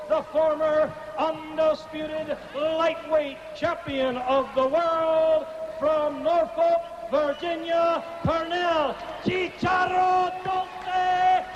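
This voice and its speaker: A man working as a boxing ring announcer, giving formal, showy introductions in a declamatory, drawn-out delivery over an arena PA. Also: extremely high pitch. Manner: declamatory, drawn-out delivery of fighters' names and records. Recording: echoey arena PA, muffled, crowd noise.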